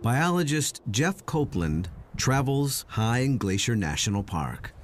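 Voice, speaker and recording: A man's voice: medium pitch, big pitch swings, a little slow, background noise. A man reading scripted narration for a nature documentary.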